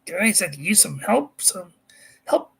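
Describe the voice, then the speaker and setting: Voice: mid-range voice, very animated, measured pace, vocal fry, pushed and bright, husky, pitched above the performer's own voice, exaggerated voice. A reader voicing a brave, upbeat young woman fighter who talks eagerly.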